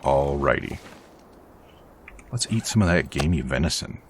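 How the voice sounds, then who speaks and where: A man's voice: extremely low pitch, animated, a little slow, slight background noise. A man casually narrating his survival game playthrough, chatty and rambling with a self-deprecating streak. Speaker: let's play host.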